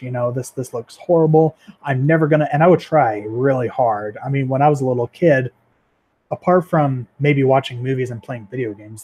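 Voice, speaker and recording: A young man in his twenties talks casually over a livestream with a mid-range voice. He rambles, restarts sentences and fills gaps with ums and likes. He pokes gentle fun at himself as he goes. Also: medium pitch. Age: 20s. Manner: rambling, self-deprecating, lots of fillers and restarts. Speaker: 3D animator livestreaming.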